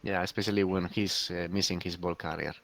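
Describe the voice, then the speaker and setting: A man hosting a casual game recap, easygoing and agreeable, pausing often with fillers. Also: sits low, steady tone, gravelly, a bit bright, a little hiss or hum. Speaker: host. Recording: dry close sound.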